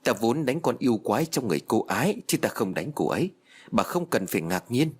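Stern exorcist master, haughty and scolding, read by a man narrator, husky. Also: mid-range voice, very animated, fairly quick, darkish tone. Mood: assured. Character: stern middle-aged male exorcist master, commanding.

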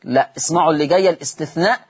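A man's voice: on the high side, very fast, breathy edge. A man with an Egyptian Arabic accent teaching Quran recitation on a televised lesson, patiently repeating each rule and quizzing his listeners.

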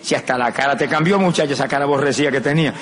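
Un predicador mayor con acento puertorriqueño da un sermón ferviente con testimonio personal, pasando de un relato suave a exclamaciones gritadas. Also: male voice, mid-range voice, racing. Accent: Puerto Rican Spanish. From Puerto Rico. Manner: swings from soft storytelling to loud shouted exclamations. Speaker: evangelist preacher. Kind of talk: fervent sermon with personal testimony. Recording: echoey hall recording with crowd noise.

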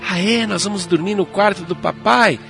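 A man's voice: sits high, normal speed, vocal fry. Man putting on a tearful little girl. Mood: pleading. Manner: whiny, tearful pleading. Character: frightened little girl, crying for her father. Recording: loud music and rain behind.

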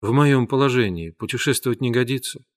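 A man voicing a gentle, worried mother of many children in an audiobook. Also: mid-range voice, a little fast, lightly acted. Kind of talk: audiobook character voice.

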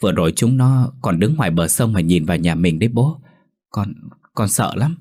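A man's voice: lowish voice, expressive, normal speed, a little mellow, husky. A man voicing a frightened little boy who stammers and speaks timidly.

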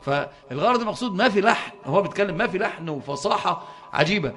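This is a man with an Egyptian accent teaching a religious book, and his voice sits a little high for a man. He talks quickly and fervently. He often stumbles over repeated syllables as he reaches for the next word. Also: expressive, fairly bright tone. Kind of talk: explaining a religious book to students.

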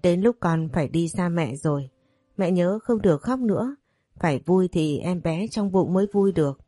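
A woman reading the part of a sweet little boy, speaking softly and tenderly. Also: on the low side, lively intonation, normal speed, dry recording, studio quality. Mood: gentle. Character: sweet gentle little boy, a ghostly son.

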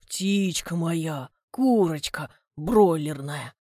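A woman's voice: deep voice, animated, drawn-out words, a little mellow, no room sound, studio quality, pitched below the performer's own voice, heavily acted. Woman doing a fawning clumsy village man. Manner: pleading, fawning, stumbling for words.

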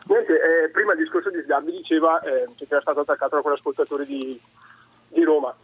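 A man's voice: a little high, fairly even intonation, fast talker, husky, phone-quality sound. A man from the Brescia area calling a radio show over the phone, talking hesitantly with lots of fillers. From province of Brescia, Italy. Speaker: radio call-in caller. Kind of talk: casual phone-in chat.

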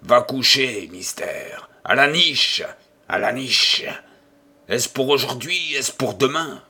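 A man's voice: mid-range voice, expressive, takes it slowly, bright, forceful tone, husky, heavily acted. A man doing a tormented old nobleman. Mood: brooding. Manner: strangled, hissing outbursts.

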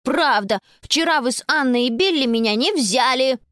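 A sulky little boy whines and insists in a high, squeaky voice, as a woman reads him in an audiobook. His pitch jumps all over, and the sound is close and dry. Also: lively intonation, normal speed, a bit bright, no echo. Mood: whiny. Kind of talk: audiobook character voice.

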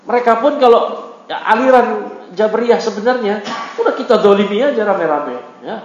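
A man teaching a religious study circle, reading Arabic text aloud and explaining it, questioning the class and acting out quick mock dialogues. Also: sits high, a little hiss or hum. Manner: lively, reads Arabic then explains, acts out mock dialogues. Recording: echoey, dull lo-fi room recording.

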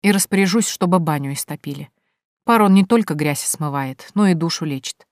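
A woman reading an audiobook, voicing a calm, firm young pregnant woman who speaks in a cold, measured way. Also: lowish voice, no echo, clean studio sound, close to an everyday voice.

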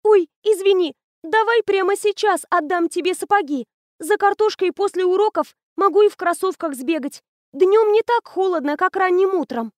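Sly schoolgirl faking innocence, read by a woman, high wheedling voice, timid tone, dry close sound. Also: moderate pace, no room sound. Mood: innocent pleading. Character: sly teenage girl feigning sweet innocence.

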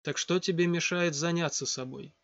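A man voicing a mysterious bodiless stranger, speaking softly and coaxingly. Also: fairly high pitch, steady tone, moderate pace, vocal fry, dry recording. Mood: sly. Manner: soft, coaxing and quiet. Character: mysterious bodiless male voice, soft and sly. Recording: dull lo-fi dry recording.

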